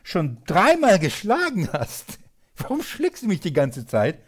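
A man's voice: high-pitched, huge pitch swings, measured pace, breathy edge, pitched above the performer's own voice, heavily acted. A man voicing a meek female donkey from a Bible story, hurt and pleading in a raised, plaintive voice.

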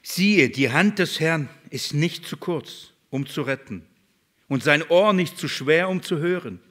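A man preaching a sermon to his congregation, asking questions and answering them himself, swinging between loud passages and hushed ones. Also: a little high, expressive, unhurried.

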